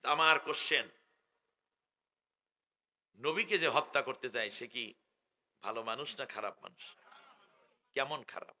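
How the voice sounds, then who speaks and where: A middle-aged man with a Bangladeshi Bengali accent, preaching loudly through a stage microphone at a public gathering, joking with the crowd and drawing out his call phrases. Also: medium pitch. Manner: loud, joking, drawn-out chanting of call phrases. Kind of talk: live sermon with crowd call-and-response. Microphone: stage microphone through loudspeakers.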